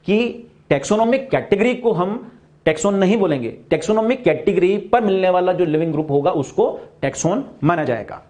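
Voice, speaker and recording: An Indian man giving a recorded biology lesson in a slightly high voice. He explains each point at a steady clip, then slows right down to restate the key terms in careful English. His delivery is patient and methodical, like a teacher going over material for exam students. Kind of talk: recorded classroom lecture.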